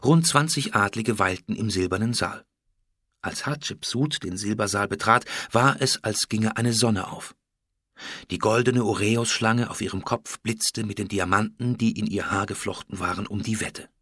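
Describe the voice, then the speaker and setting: A man narrating a storybook in a steady, measured reading. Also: on the low side, slightly rough, no echo, studio quality. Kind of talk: audiobook narration.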